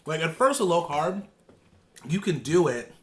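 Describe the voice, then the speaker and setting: A man's voice: fairly high pitch, sing-song, unhurried. A man talks casually to viewers as a vlog co-host while eating, chewing between phrases, informal and repeating himself for emphasis. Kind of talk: casual mukbang chat to viewers.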